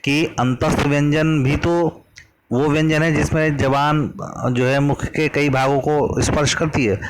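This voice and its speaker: A man's voice: on the high side, fairly even intonation, a little slow, noisy background. A man teaching a grammar lesson from a worksheet, patiently explaining and drawing out vowel sounds as examples.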